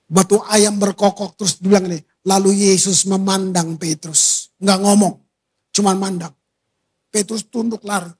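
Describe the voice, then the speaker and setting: A man preaching a sermon in a church, conversational, switching between slow emphatic phrases and quick asides. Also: high voice, steady tone, a little mellow, breathy edge. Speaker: pastor.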